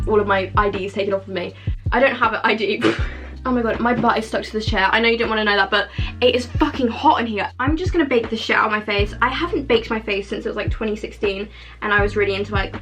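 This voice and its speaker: A woman's voice: on the high side, fairly bright tone, low-quality recording. A seventeen-year-old girl chatting through a get-ready-with-me makeup vlog, rambling, swearing a lot and mocking herself. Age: teens. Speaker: beauty vlogger. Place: warm bedroom at a makeup mirror. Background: music playing in the background.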